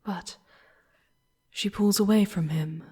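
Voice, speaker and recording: A woman performs a breathy, whispered ASMR roleplay as a charming, tender, sorrowful female demon guide, her phrasing halting and dramatic with long pauses. Her voice is medium-pitched and dark, the mood hushed and mournful.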